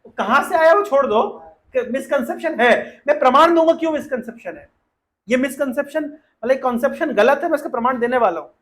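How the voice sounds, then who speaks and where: High-voiced male preacher leading devotional talk. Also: expressive, brisk, fairly bright tone. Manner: explanatory, asks the audience questions and leads call-and-response recitation. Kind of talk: devotional talk with verse chanting.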